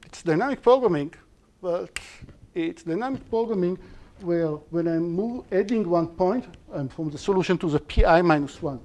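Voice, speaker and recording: An expressive male university lecturer, a native Hebrew speaker, streams a live algorithms class in English. His soft-edged, mellow voice sits slightly high, and he breaks off now and then to correct himself as he explains each step.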